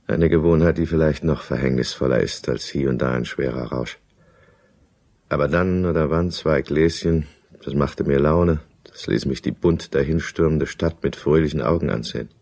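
In a German radio drama, a deep, creaky, slightly mellow male voice plays the lead and first-person narrator, a self-pitying businessman who drinks. It's a full character voice, narrating and arguing in a brooding, irritable tone while constantly defending himself.

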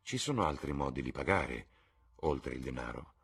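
A man voicing a serious, worried painter in an audiobook reading, with a husky voice and a grave, measured delivery. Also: rumbling low, animated, fairly bright tone, full character voice.

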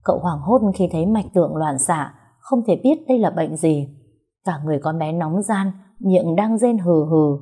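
A young woman tells a story with steady, expressive narration. Her voice sits low and dark, with a husky edge. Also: moderate pace.

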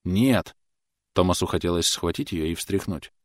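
A man narrating an audiobook in a measured, even reading voice. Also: low voice, no echo, clean studio sound. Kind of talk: scripted narration.

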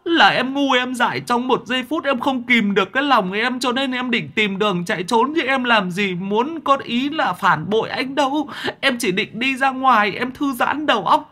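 A shrill whiny demon. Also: male voice, bright, forceful tone, full character voice. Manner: whining, rambling, pleading. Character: cowardly chatty male demon, whiny pleader.

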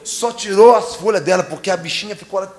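Animated man telling a sermon story. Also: high-pitched, fast. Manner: animated storytelling with sound effects. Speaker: youth preacher. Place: conference stage.

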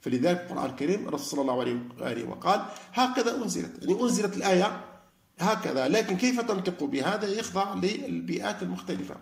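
A man giving a religious lecture, animated and arguing through rhetorical questions. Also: sits high, rapid-fire, creaky, echoey room. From Algeria. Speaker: lecturer on Quran study.

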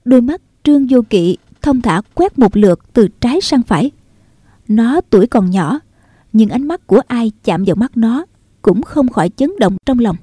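A woman narrating a martial arts novel in a steady, measured reading. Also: fairly high pitch, breathy edge, dry recording, clean studio sound. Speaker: audiobook narrator.

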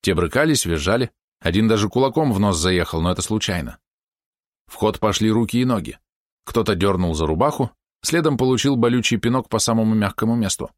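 A man narrating an audiobook in a measured, expressive storytelling manner. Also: fairly low pitch, no room sound, clean studio sound. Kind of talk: scripted narration.

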